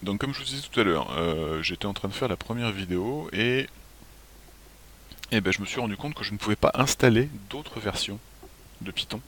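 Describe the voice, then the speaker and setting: Man, low voice, faint hiss. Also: a little fast. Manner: relaxed, clears throat often, hesitant restarts. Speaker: software tutorial presenter. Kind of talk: screencast walkthrough.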